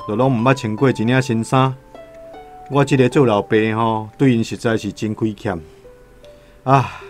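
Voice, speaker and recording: A man with a fairly low voice plays, with light acting, a humble, honest, poor vegetable seller and father in a radio drama. He speaks colloquially and deferentially, with a Taiwanese accent.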